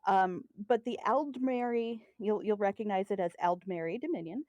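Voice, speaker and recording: A woman's voice: medium pitch, normal speed, darkish tone, dry recording. A woman with a Midwestern accent chatting casually on a podcast, rambling and self-deprecating with frequent laughs. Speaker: co-host guest.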